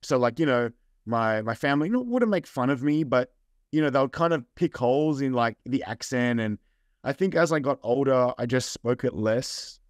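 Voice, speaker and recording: Clean studio audio with no room sound carries this young Australian man's mid-range voice, which moves at a moderate pace with lively intonation. He's a guest in a casual interview, rambling in a relaxed way and leaning heavily on fillers.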